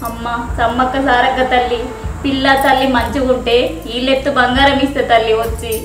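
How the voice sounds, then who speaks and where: Actress as a high-voiced anxious mother-in-law, pleading, very echoey room. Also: flat delivery, a little fast, soft background music, lightly acted. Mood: vowing. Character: fretful village mother-in-law praying to many gods. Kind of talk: short film acting.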